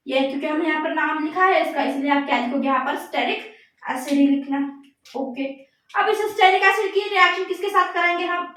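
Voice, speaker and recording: A woman chemistry teacher lecturing a class, asking questions and repeating the answers slowly, mixing in English terms. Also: high-pitched, a bit bright. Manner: mixes Hindi with English terms. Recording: echoey room, voice from far off.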